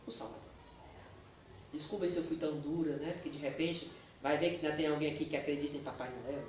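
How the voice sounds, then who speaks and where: A middle-aged woman pastor, preaching an animated, emphatic sermon and laughing at her own remarks. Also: sits low, quick pace, a little hiss or hum. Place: church hall. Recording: echoey hall, distant mic.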